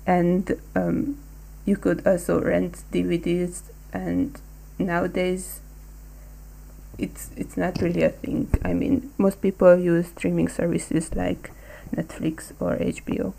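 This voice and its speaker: Young woman from Hungary, podcast co-host, slow and halting, gravelly dark voice. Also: fairly low pitch, flat delivery, slight background noise, low-quality recording. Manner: hesitant, many ums. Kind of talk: casual discussion.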